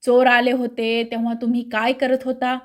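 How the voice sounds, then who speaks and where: A woman's voice: on the high side, completely flat delivery, normal speed, natural voice. Woman reading as bossy young inspector. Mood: stern. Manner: questioning sharply. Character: young male CID inspector, brisk and bossy.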